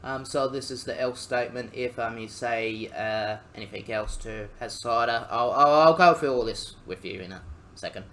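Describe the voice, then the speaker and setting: A young Australian man, a student, talking through a coding tutorial in a halting, casual way, full of ums and jokey asides. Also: mid-range voice, bright, forceful tone, a little hiss or hum. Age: young adult.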